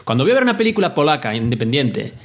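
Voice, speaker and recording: A man's voice: mid-range voice, racing, gravelly. A man, co-hosting a podcast in casual chat and telling anecdotes with enthusiasm. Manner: enthusiastic storyteller, animated asides. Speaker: podcast co-host.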